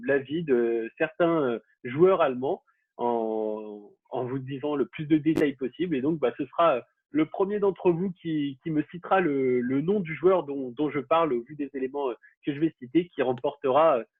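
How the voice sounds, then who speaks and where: A man runs a relaxed quiz and keeps stopping and restarting his sentences. His voice is husky and slightly high, and it comes through a dry, narrow-band line that sounds like a phone. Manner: hesitant, many fillers and restarts. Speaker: quiz host. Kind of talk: casual podcast quiz hosting.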